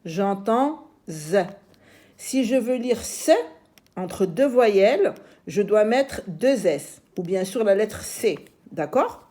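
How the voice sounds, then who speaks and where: A woman teaching young children to read, slowly repeating each word with patient explanations. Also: mid-range voice, expressive, warm tone. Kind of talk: phonics lesson for young children.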